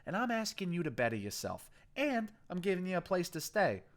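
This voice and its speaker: This audiobook character voice comes from a man pitching well above his own voice, high, very animated, and a little fast. The character is an enraged, profane male gang boss who shouts threats and swears, then turns coaxing.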